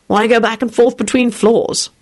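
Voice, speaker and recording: A woman reader voicing a cheerful, teasing grown man who is a father, lowering her voice a little and keeping it easygoing. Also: level tone, moderate pace, darkish tone, close to an everyday voice.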